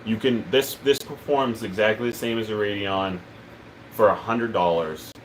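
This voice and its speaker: There's a little hiss or hum behind this livestream host, a man with a lowish voice speaking at a moderate pace. He chats casually while reading messages, rambling along with lots of ums and uhs.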